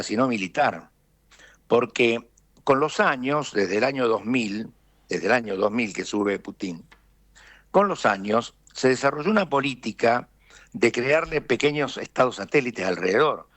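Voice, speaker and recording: An Argentine businessman being interviewed, explaining his views deliberately and filling pauses with frequent hesitations. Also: medium pitch, fairly bright tone, dry recording. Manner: deliberate, thinking aloud with frequent "este" fillers. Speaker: businessman guest. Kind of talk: conversational interview analysis.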